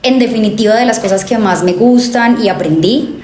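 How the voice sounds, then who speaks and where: A young woman with a Colombian coffee-region accent, a tourism graduate talking as an interview guest, animated and full of fillers and self-corrections. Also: a little high, normal speed, a little hiss or hum. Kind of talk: conversational interview. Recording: echoey room with faint ambience.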